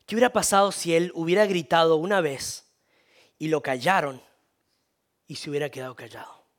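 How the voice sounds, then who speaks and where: Preaching a sermon at a fairly quick pace, this man has a voice on the high side. His delivery is repetitive, full of restarts, and punctuated by calls for amen.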